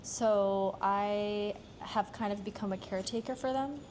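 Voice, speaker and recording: Out on a street in Japan, a young woman from the United States casually answers interview questions in a soft-spoken, hesitant way loaded with fillers. Her medium-pitched voice moves at a measured pace, with a little hiss or hum in the audio.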